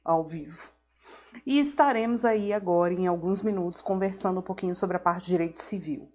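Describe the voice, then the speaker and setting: A woman's voice: medium pitch, darkish tone. A woman with a Brazilian Portuguese accent teaching a live online law class, chatty and affectionate, greeting viewers by name.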